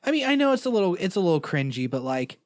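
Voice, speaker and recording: A man's voice: high voice, sing-song, fast talker, a little mellow, no echo. A young man co-hosting a podcast, joking and rambling in casual banter on a close dynamic mic. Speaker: podcast co-host. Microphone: close dynamic studio mic.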